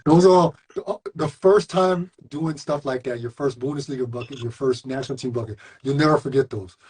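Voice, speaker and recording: A man hosting a podcast and interviewing a guest in a relaxed, encouraging way. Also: medium pitch, fairly quick, slightly rough, low-quality recording. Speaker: podcast host. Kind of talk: casual interview.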